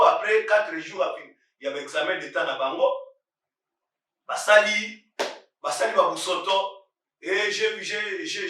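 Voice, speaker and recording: A high-voiced man with a bright, ringing tone preaches. He repeats himself for emphasis and climbs into shouts. His voice is picked up from a distance in a heavily echoing room. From Congo. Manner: emphatic and repetitive, rising into shouts. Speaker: pastor. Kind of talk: impassioned sermon on current events. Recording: very echoey room, voice far from mic.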